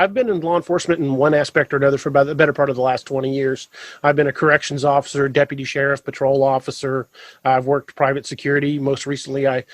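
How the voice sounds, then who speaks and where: A man's voice: mid-range voice, no room sound. A man in his fifties from Missouri, a guest author telling stories in a casual interview, with many ums and restarts. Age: 50s. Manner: rambling storyteller, frequent ums and restarts.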